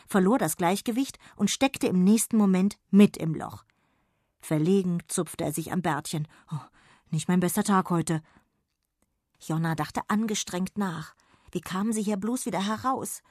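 A woman narrating a children's story in a gentle, measured way. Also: fairly low pitch, dry recording, clean studio sound. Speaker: audiobook narrator.

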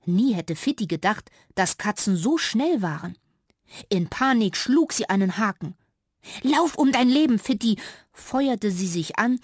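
Female narrator for a children's audiobook: expressive, slightly breathy voice, dry close recording. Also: mid-range voice, dry recording. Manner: lively, expressive storytelling.

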